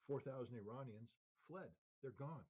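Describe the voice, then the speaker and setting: A man's voice: medium pitch, normal speed, a little mellow, slightly rough, highs cut off. A man giving emphatic, unscripted analysis as a commentator, often restarting his sentences. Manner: emphatic, many restarts and fillers. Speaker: geopolitical commentator.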